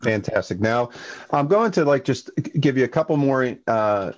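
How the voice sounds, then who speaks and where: A man's voice: mid-range voice, expressive, normal speed. Upbeat male webinar host, dull audio. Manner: upbeat, many fillers, keeps saying "fantastic". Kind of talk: webinar interview.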